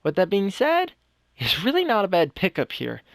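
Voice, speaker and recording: A young man with a smooth, clear voice, sitting a little higher than most men's, chats his way through a video game for his channel. He rambles and restarts his sentences, slightly out of breath, recorded close and dry with no room sound. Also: huge pitch swings, moderate pace, no room sound. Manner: rambling, with frequent restarts and self-corrections. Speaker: gaming YouTuber. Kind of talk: casual game commentary.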